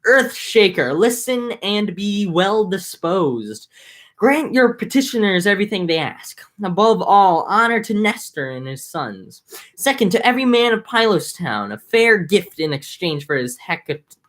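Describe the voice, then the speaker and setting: A woman's voice: mid-range voice, very animated, a little slow, fairly bright tone. A woman voicing the goddess Athena as she prays, in a raised, earnest delivery. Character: goddess Athena praying, solemn. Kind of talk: amateur dramatic reading.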